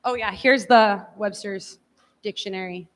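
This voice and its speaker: Leading a class in a big echoey hall with long reverb, a female teacher lectures informally. Her medium-pitched voice is unhurried, and her manner is casual and hedging, with frequent use of "like."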